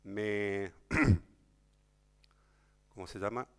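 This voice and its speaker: Argentine man with a smooth, clear voice. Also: lowish voice, fairly even intonation, drawn-out words. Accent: Argentine Spanish. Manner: emotional, conversational, repeats himself; addresses listeners directly. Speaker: speaker at a talk. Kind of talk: personal storytelling to an audience.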